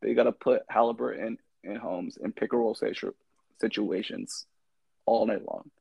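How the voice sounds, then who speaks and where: A man's voice: on the low side, fairly even intonation, normal speed, gravelly, slightly rough, dry recording, muffled recording. A man co-hosting a casual sports podcast, talking in a loose, rambling way. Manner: loose and rambling, frequent restarts. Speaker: podcast co-host.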